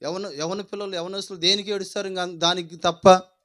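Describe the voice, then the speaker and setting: A man's voice: high voice, fairly even intonation, fairly quick, fairly bright tone. A man preaching a fervent sermon as pastor, repeating his phrases and calling out hallelujah.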